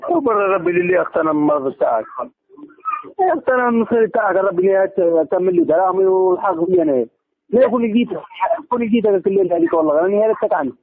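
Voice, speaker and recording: A man's voice: high-pitched, lively intonation, racing. An Algerian man on a phone call, exasperated and insistent, arguing combatively as he demands to be paid back. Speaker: caller demanding repayment of a debt. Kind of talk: heated argument over the phone. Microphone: telephone. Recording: tinny, band-limited phone line.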